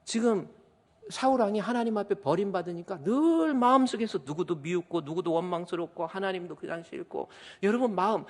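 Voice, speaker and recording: High-voiced preaching pastor in a hall. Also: male voice. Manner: preaching with dramatic swings, mimics voices and whispers. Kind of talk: sermon. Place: church sanctuary. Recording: church hall reverb.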